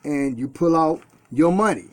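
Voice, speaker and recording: A Detroit man who owns a store talks earnestly to his own self-filmed camera from inside the shop, often repeating and restarting phrases. His voice is fairly high with lively intonation and a moderate pace, in a casual to-camera style.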